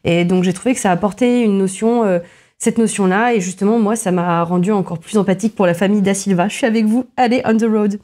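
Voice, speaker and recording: A woman in a film podcast, analysing a horror movie in casual chat, with frequent filler pauses and restarts. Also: medium pitch, warm tone. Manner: many filler pauses, restarts, self-deprecating asides.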